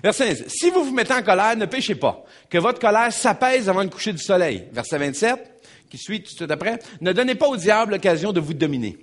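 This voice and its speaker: A man preaching a sermon with a Québécois French accent, emphatic and animated, repeating phrases and addressing the congregation directly. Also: high-pitched, fairly quick. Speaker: pastor.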